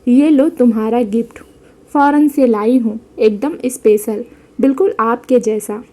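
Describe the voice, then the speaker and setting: A woman's voice: on the high side, measured pace, dark tone. A woman voicing a chatty, modern sister-in-law who speaks in a bubbly way.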